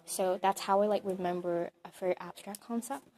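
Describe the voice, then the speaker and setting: Speaking at a mid-range pitch with a steady, mellow tone, this young Cantonese-speaking woman from Hong Kong answers interview questions casually and fairly quickly. She's a bilingual student who hesitates, thinks out loud, and leans on "um" and "like."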